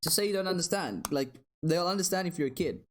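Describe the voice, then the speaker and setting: A man's voice: high voice, fast talker. Rambling young male podcast co-host. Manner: rambling, laughs often, repeats words. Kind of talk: casual chat.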